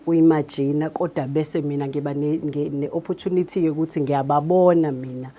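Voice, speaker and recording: Speaking a little fast in a low, warm voice with fairly even intonation, this South African woman describes her job as a radio drama director. Her interview explanations code-switch between Zulu and English.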